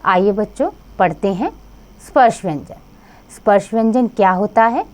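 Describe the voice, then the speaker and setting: A woman teaching a grammar lesson to children, addressing them directly and sounding out each letter slowly. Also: medium pitch.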